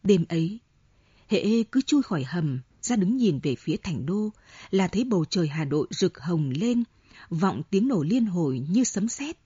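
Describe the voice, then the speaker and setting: A woman narrating a novel in slow, measured storytelling, on a dull lo-fi audiobook recording. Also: on the low side, sing-song, dark tone, husky, no echo. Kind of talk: scripted narration. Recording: dull lo-fi recording with faint music.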